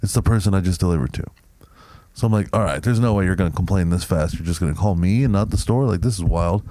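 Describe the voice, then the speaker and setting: A man's voice: low-pitched, fast talker, no echo, clean studio sound. A man co-hosting a podcast who tells stories casually, swearing now and then and acting out both sides of the conversation. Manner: animated storyteller, acts out both sides of a story; swears casually, says bro. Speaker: podcast co-host.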